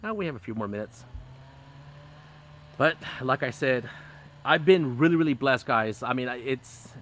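Outdoors under a backyard canopy, a middle-aged man hosting a fishing channel talks casually on a live stream, with many fillers, restarts and outbursts of laughter. His mid-range voice is expressive and a bit bright, at a moderate pace. He's recorded close up on a phone camera, with a little hiss or hum.

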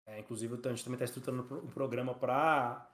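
Man, podcast guest, founder, rapid speech, lively slangy storytelling. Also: mid-range voice. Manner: fast, animated storytelling with slang. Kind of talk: casual interview chat.

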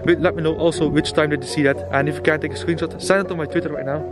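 Young man, slightly high voice, casual exploration vlog, handheld camera, clear background music. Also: steady tone, very fast. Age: young adult. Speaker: vlogger, urban explorer. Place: abandoned farmhouse at night. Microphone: handheld camera at arm's length.

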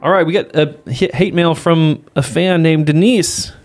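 A man's voice: a little high, normal speed, a little mellow, soft background music. Upbeat man hosting a podcast. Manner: upbeat, joking, steering the show. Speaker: podcast host. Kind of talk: casual podcast chat.

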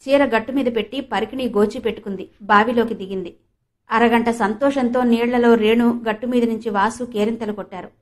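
A woman from Andhra Pradesh reads a novel aloud as narrator, with steady storytelling. Her voice sits a bit high for a woman. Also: a little fast. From Andhra Pradesh, India. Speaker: audiobook narrator. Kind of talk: novel reading.

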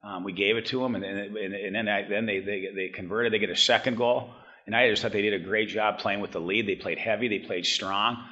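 Brief: man in his 50s, hockey head coach, postgame press room, halting and blunt, bright timbre. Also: on the low side, steady tone, muffled recording. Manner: halting, restarts often, blunt and frank. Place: press room in front of a team backdrop.

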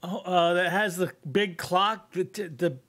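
Older male reaction host: bright, high-pitched, loose and expressive, informal. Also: takes it slowly. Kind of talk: casual reaction commentary. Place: small home room. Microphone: close microphone on a boom arm.

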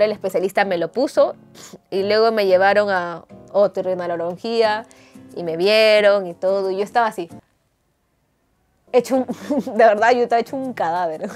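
A woman with a Peruvian Spanish accent, telling a story to camera in a dramatic, animated way with crude slang. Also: medium pitch. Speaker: vlogger.

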